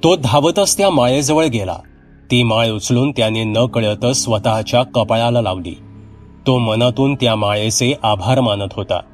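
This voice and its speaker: Man, horror storyteller, steady read, faint music underneath. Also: mid-range voice, a little slow. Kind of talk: scripted horror story narration.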